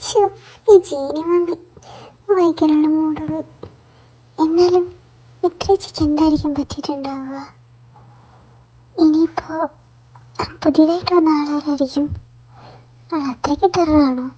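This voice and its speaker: High, mellow young woman narrator. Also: fairly even intonation, a little slow, pauses often, lo-fi sound. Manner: fretful, musing to herself. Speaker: fan story narrator. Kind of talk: fan drama voice acting.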